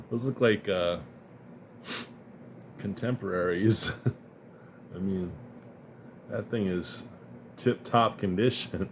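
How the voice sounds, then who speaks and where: A deep-voiced man casually displays his haul of comics and cards in an unboxing chat, with slight background noise. He comes across as relaxed and rambling, often chuckling, and a little sniffly due to dust.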